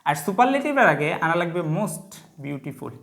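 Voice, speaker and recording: A woman English teacher with a Bangladeshi Bengali accent, mixing English words into her talk. She explains grammar step by step, asks quick check questions and drags out example sentences word by word. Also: lowish voice, big pitch swings, creaky, a bit bright. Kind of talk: online grammar lesson.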